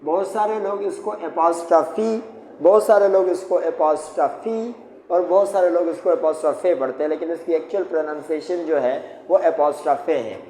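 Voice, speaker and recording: Here the grammar teacher's voice is a little high, brisk and dark, as he patiently explains English grammar step by step at the whiteboard and goes back over key points. Faint noise and room echo color the recording.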